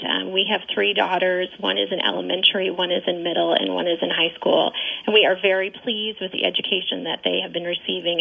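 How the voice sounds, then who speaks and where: A woman's voice: fairly low pitch, vocal fry, husky. A middle-aged woman giving earnest, explanatory answers as a guest in a radio interview, with muffled sound. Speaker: parent advocate and interview guest.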